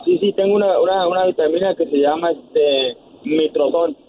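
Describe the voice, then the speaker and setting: A man's voice: fairly high pitch, moderate pace, warm tone, faint music behind. A man working as a shop clerk, answering a phone call with laughing, dismissive denials.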